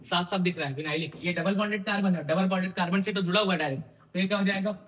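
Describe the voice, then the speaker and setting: A man's voice: sits high, very fast, fairly bright tone, a little hiss or hum. A young man giving an exam-prep chemistry lecture, quizzing his students and answering his own questions in a teasing, informal way. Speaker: chemistry teacher.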